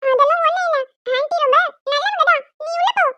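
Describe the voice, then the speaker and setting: A squeaky, stubborn little cartoon girl. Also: quick pace, pushed and bright, no echo. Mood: pleading. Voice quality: squeaky and very high. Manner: whiny, insistent pleading. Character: small girl, sweet, stubborn and demanding. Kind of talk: animated cartoon voice acting.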